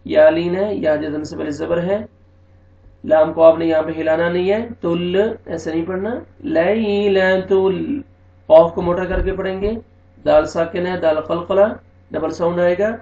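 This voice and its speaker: A man teaching tajweed, slowly drawing out recited words and then explaining the pronunciation rules more plainly. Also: fairly high pitch, little pitch movement, creaky, dark tone. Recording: echoey, distant, dull recording.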